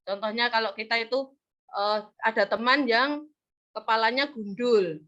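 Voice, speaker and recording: A woman's voice: fairly high pitch, measured pace, pushed and bright. A woman teaching a practice classroom lesson, coaxing and praising, often trailing off mid-word so the class can finish it. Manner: leaves words half-said for the class to finish. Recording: muffled lo-fi recording.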